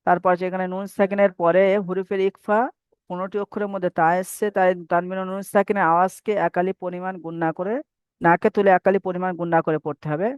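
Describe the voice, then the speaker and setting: A man's voice: sits high, flat delivery, fast talker, smooth, no room sound. A man teaching Quran recitation rules in a patient, repetitive way and having students recite after him. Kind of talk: online tajweed lesson. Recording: dry, dull lo-fi mic.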